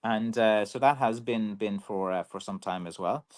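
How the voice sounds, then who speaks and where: A man's voice: on the low side, normal speed. An Irish man talks loosely and at length on a livestream, drifting from one thought to the next. His sentences restart often and are padded with easy fillers. He sounds like a craftsman chatting freely with his viewers. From Ireland. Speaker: professional stick maker. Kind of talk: casual livestream chat reading viewer comments.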